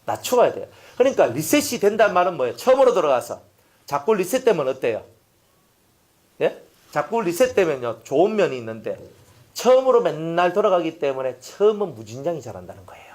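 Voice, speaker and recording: A man preaching a sermon, folksy and animated, acting out little scenes and having the congregation repeat after him. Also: high-pitched, fairly quick. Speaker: pastor.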